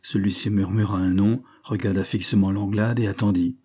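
A man narrates a classic novel in a calm, measured way. His voice is low and husky, with a dark, mellow tone. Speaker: audiobook narrator. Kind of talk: scripted narration.

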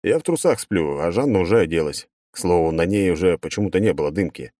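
Deep-voiced male audiobook narrator. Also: lively intonation, quick pace, warm tone, no echo, studio quality. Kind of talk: first-person audiobook narration.

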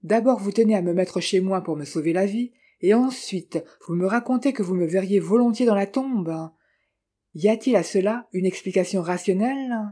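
A reader voicing a cultured gentleman thief who speaks politely with dry irony. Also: mid-range voice, normal speed, natural voice. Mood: ironic. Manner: polite, dryly ironic. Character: suave cultured gentleman thief, ironic and calm.

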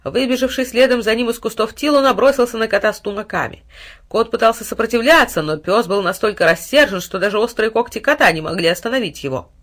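Lively fairy-tale audiobook narrator. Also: mid-range voice, fast talker. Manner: lively, dramatic storytelling.

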